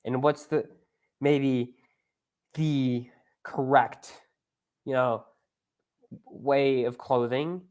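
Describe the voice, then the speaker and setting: Podcast host, unhurried and halting, mid-pitched, casual interview. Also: steady tone, a little mellow. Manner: slow, halting questions with many hums of agreement.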